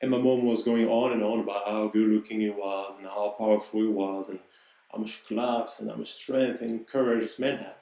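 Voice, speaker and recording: A man's voice: lowish voice, steady tone, normal speed, creaky, warm tone, roomy sound, low-quality recording. A man with a French accent, hosting a podcast and telling a personal story in an earnest, reflective way. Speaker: podcast host.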